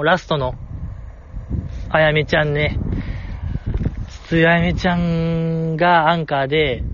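A slightly high-voiced man with a Kansai accent runs a solo podcast, chatting casually and getting worked up, his voice leaping up when he's excited. The recording sounds a little dull, with a faint hiss underneath. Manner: excitable, jumps in pitch when enthused, chuckles to himself. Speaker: podcast host.

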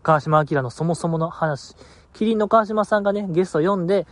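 Guy rambling on his podcast, kinda sleepy, slightly high voice, dead dry sound. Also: a little fast, dry recording. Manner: rambling, self-mocking, sleepy. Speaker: podcast host. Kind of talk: casual solo podcast chat.

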